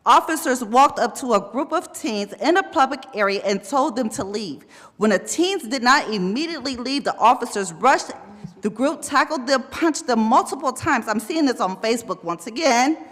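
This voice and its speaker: A woman giving a confrontational public comment at a council podium, rising to shouting. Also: on the high side, animated, moderate pace. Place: city council chamber. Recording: echoey hall with long reverb.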